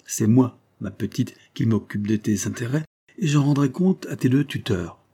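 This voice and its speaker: A man reading aloud, voicing an older country notary who talks in a wry, teasing, mock-official way, with a dark, husky voice. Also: mid-range voice, moderate pace. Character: old country notary, sly and amused.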